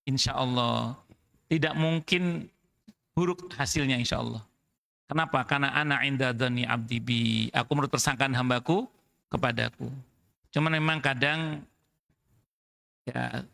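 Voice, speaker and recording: A man preaching at a mosque study session. He talks in a lively, folksy way and mixes in phrases. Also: medium pitch, moderate pace, creaky, long pauses. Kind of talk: religious study talk.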